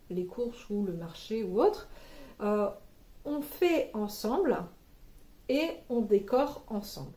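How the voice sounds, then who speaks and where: Chatty mother, mellow voice. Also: on the high side. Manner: chatty and hesitant, many fillers. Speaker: parent vlogger sharing kids' activity ideas. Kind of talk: casual advice vlog.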